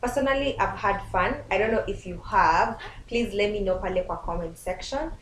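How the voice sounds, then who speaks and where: A woman's voice: mid-range voice, lively intonation, a little fast. A young Kenyan woman co-hosting a casual quiz chat, laughing often and switching between English and Swahili. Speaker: co-host. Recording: roomy studio with faint noise.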